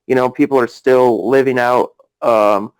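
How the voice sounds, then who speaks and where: A man's voice: medium pitch, fairly even intonation, measured pace, clear, resonant tone, low-quality recording. A man hosting a casual voice chat, rambling with lots of fillers and talking over the others. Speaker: voice chat host.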